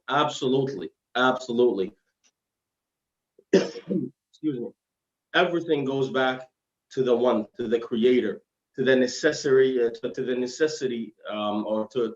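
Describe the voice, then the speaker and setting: A man's voice: mid-range voice, normal speed. A man giving a religious lesson as an Islamic scholar, formal and explanatory, weaving in Arabic phrases, with slightly slurred, heavy-tongued diction. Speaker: Islamic scholar, guest lecturer. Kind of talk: religious lesson in dialogue form. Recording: roomy, dull live-stream sound.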